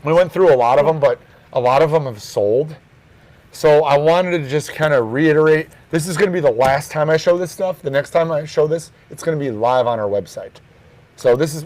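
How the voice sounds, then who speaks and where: A man hosting a record store's morning show, casually talking through records and their prices in an offhand, relaxed way. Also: fairly high pitch.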